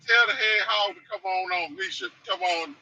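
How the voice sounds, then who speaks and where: A man, an excitable sports talk guest who shouts to stress his points. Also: high voice, moderate pace, noisy background. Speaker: show guest.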